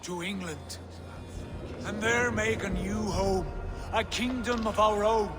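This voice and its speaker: A man's voice: high voice, slow pace. A man playing a proud, fiery Viking prince in a video game, giving commanding, formal speeches to his clan. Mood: resolute. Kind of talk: dramatic video game cutscene oratory. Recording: long reverberant hall, music behind.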